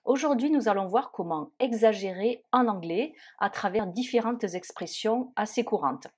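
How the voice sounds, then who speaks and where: A woman's voice: mid-range voice, normal speed, a little mellow, slight background noise. A woman, patiently explaining English expressions in a lesson, with frequent hesitations. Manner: patient, explanatory, many fillers like euh and hein. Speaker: English teacher.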